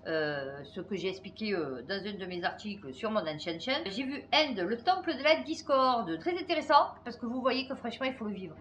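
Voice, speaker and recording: A middle-aged woman hosting her channel, chatting to viewers in a fast, excitable way with many fillers. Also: fairly low pitch, muffled recording, a little hiss or hum. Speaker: channel host. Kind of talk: casual chat to viewers.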